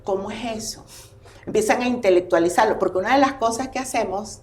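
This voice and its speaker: This woman talks fast in a mid-range voice, animatedly recounting stories as a guest on an informal podcast. By profession she is a family constellations therapist. Echo from the room is audible on the recording.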